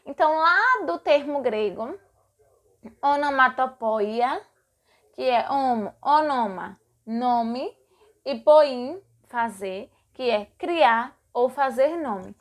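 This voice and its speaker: A woman's voice: high voice, animated, slow. A woman teaching a lesson, repeating words and acting out sound effects. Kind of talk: explanatory lesson.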